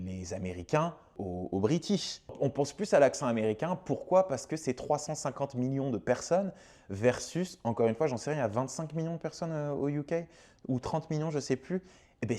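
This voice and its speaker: A man in his thirties with a French accent talks casually and frankly, filling pauses with little hesitations and repeating words for emphasis. His voice sits at an ordinary pitch and has a mellow, relaxed tone. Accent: French, slightly Québécois-tinged. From France. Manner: chatty, frank, frequent fillers and repetitions. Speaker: host. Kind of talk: casual explanatory monologue.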